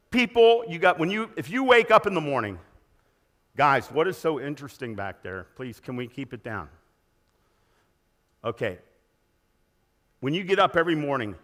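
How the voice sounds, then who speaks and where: Energetic man in his sixties giving a keynote. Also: fairly high pitch. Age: 60s. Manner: energetic, emphatic, asks the audience questions. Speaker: keynote speaker. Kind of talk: motivational conference keynote. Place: large conference hall, indoors.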